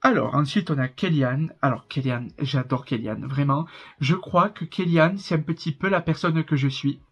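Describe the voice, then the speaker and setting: A man's voice: fairly high pitch, moderate pace, a bit bright, slightly rough, lo-fi sound. A man in his twenties with a southern French accent, chatting casually and rambling in a reaction commentary, laughing often. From southern France. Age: 20s. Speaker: reaction YouTuber.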